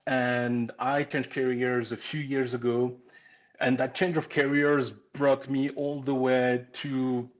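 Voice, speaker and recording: Chatty French man, dull stream audio. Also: mid-range voice. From France. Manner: chatty, warm-hearted, with frequent restarts and "um"s. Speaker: pastry instructor hosting a live webinar. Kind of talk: casual live-stream teaching. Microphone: computer mic on a live stream.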